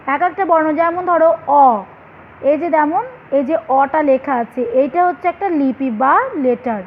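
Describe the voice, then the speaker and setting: A woman with a Bengali accent teaches a primary school class in a high voice. She explains patiently and turns each point into a question for her students. The recording is dull and lo-fi, with a faint hiss behind her. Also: normal speed. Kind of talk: online class lesson.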